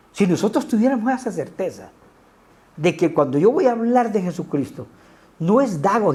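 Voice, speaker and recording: A man preaching a lively sermon, his pitch swinging widely from line to line. His tone is mellow and dark, and he keeps tossing quick rhetorical asides at the congregation. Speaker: pastor.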